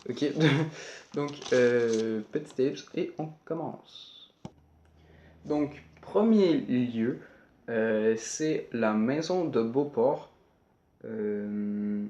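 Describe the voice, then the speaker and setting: A man's voice: medium pitch, mellow. A man from Canada, talking casually through a list of places while reading his notes, full of hesitations and joking asides. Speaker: YouTuber. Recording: roomy, somewhat dull home recording.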